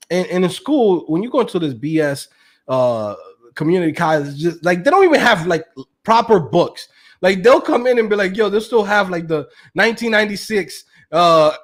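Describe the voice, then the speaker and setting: A young man telling his story as an interview guest, slangy and animated, acting out quotes with laughs. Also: on the high side. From Queens, New York. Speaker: guest, web developer.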